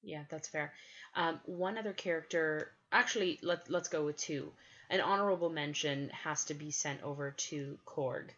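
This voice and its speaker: Low-voiced chatty woman, lo-fi sound. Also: normal speed, a bit bright. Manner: enthusiastic, chatty. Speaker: podcast co-host. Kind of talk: casual chat. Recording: dull lo-fi recording.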